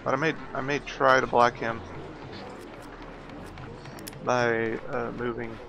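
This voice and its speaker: A man giving casual let's play commentary, thinking aloud as he plays, with hesitant pauses. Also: medium pitch, flat delivery, gravelly, background noise. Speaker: video game player, host. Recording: muffled, game music behind. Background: game music.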